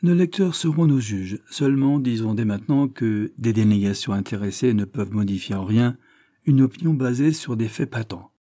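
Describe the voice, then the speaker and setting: Man reading a novel aloud, measured and formal, really dark mellow tone, middle pitch. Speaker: audiobook narrator. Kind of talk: scripted narration.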